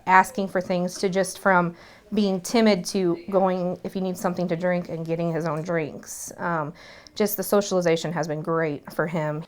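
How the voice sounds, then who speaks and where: A woman's voice: on the low side, smooth. A woman working at a day center, speaking earnestly in a news interview, with some hesitations.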